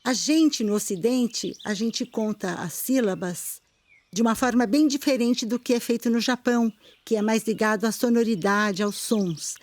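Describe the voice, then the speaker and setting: A middle-aged woman with a Brazilian Portuguese accent gives a video lesson on poetry, explaining in a calm, measured way and slowing down to recite short poems. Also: fairly high pitch. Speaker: poetry teacher.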